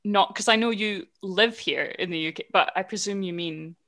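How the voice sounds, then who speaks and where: A woman's voice: mid-range voice, a bit bright. A woman with a Scottish accent hosts a podcast in easy conversation. She sounds eager, giggles often, and keeps her delivery loose and informal. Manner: giggly, eager, quick to laugh. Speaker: podcast host. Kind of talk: casual podcast chat.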